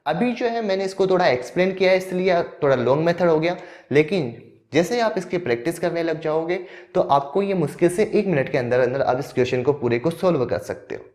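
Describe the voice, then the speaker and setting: A man's voice: fairly high pitch, expressive, fairly quick, darkish tone. A man teaching an exam-prep maths lesson who talks through each step, asks questions and answers them himself.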